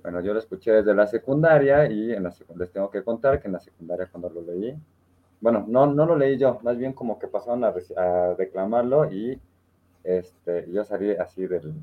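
A man with a lowish, expressive voice speaks at a moderate pace on narrow, tinny audio. As a participant in a casual literary discussion, he talks reflectively about a poem, using many tag questions, and then recites it.

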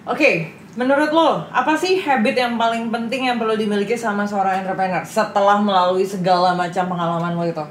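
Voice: mid-range voice, a little fast, hardly any pauses. An interviewer, asking casual questions and giving short affirmations. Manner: brief prompts and short affirmations. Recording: roomy echo with faint noise.

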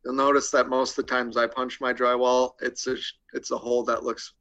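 A young man as a podcast guest, deadpan with crude jokes and hesitant with many ums. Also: mid-range voice, fairly quick, highs cut off. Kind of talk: casual interview chat.

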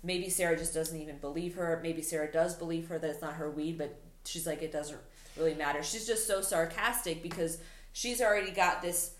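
A woman's voice: lowish voice, brisk. A woman co-hosting a casual TV recap, talking in a rambling way with many fillers and restarts. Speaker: podcast co-host. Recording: roomy echo.

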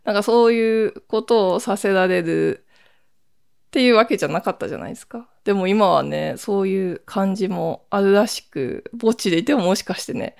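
Solo podcast host: woman, mid-pitched, smooth and clear, rambling conversational chat with side remarks. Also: fairly quick, a little mellow. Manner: chatty, rambling with frequent asides.

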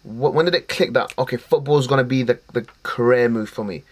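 A man's voice: mid-range voice, a little fast, slight background noise. Eager man hosting a podcast. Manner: enthusiastic, friendly, informal. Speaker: podcast host.

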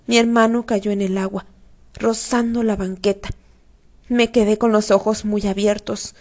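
A woman reading a first-person story aloud in a steady, expressive way. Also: mid-range voice, measured pace. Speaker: audiobook narrator.

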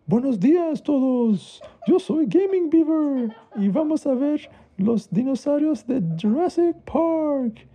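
A man voicing a child imitating an excited online show host, slow and shrill, in a told story. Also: heavily acted. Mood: showy. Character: over-excited boy playing a cheerful YouTube host.

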